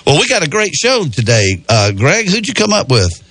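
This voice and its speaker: A man's voice: fairly high pitch, huge pitch swings, moderate pace, a bit bright, dry recording. A man with a Southern US accent and a rural drawl, hosting a casual sports talk radio show in a folksy way. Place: radio studio. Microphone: close studio microphone.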